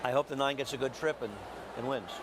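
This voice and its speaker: A man's voice: mid-range voice, quick pace. A man giving live horse racing analysis in conversation, outdoors at a racetrack. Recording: noisy outdoor trackside broadcast.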